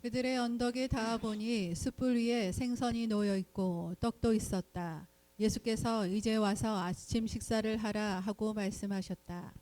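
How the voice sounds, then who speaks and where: A woman reading scripture aloud in an even, measured way during a church service. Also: mid-range voice. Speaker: scripture reader.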